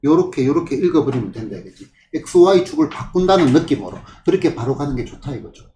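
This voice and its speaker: Male math tutor, questioning classroom delivery, a touch high, echoey room. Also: expressive, a little fast, warm tone. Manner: questioning, with frequent rhetorical check-ins. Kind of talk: classroom problem walkthrough. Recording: echoey room with faint ambient noise.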